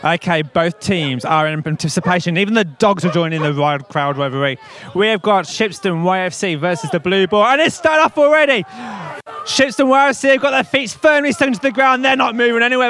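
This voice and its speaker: A man giving excited, shouted play-by-play commentary on a tug of war at an outdoor village fair. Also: high-pitched, fairly quick. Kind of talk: live sports-style commentary.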